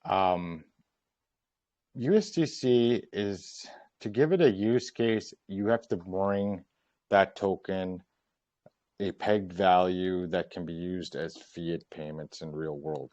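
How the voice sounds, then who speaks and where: A fairly low-pitched man takes questions in a casual voice chat and talks through answers calmly, restarting a sentence now and then. His audio is dry and close, with a muffled lo-fi edge from the call. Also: slow pace, no room sound. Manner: relaxed, explains plainly, with some restarts. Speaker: token project team member hosting a Q&A. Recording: dull lo-fi voice chat.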